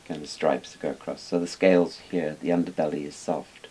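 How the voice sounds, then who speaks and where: His very deep, darkish voice keeps fairly even intonation and moves a little fast, captured on a rough recording with background hiss. He's an older man from Wales, interviewed as an expert on Chinese dragons, explaining things casually and discursively in a small book-lined room.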